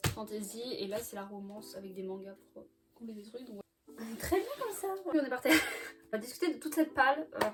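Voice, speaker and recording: Chatty young woman, bright voice. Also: fairly high pitch. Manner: chatty, laughs often, many fillers. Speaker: book vlogger. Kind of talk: casual chat. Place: bedroom floor by a bookcase.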